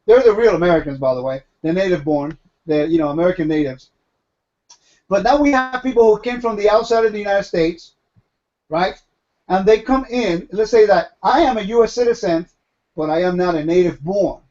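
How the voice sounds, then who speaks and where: Animated and fairly quick, a man from Puerto Rico with a high, darkish voice teaches Torah in a question-and-answer format, emphatically posing questions he answers himself. The audio sounds dull.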